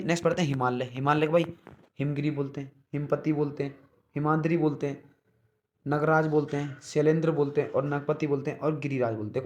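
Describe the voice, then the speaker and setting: A young man teaching an online exam-prep lesson, repeating each word and often asking the listeners, whom he calls brother, whether it is clear. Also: fairly high pitch, a little mellow. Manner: repeats words and checks understanding often.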